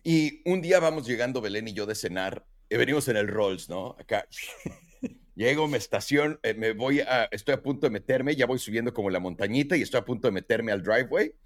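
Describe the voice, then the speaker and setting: A man's voice: medium pitch, animated, brisk. A man with a Mexican Spanish accent hosting a podcast, telling stories in casual chat full of slang and swearing, acting out quotes in raised voices. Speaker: podcast host.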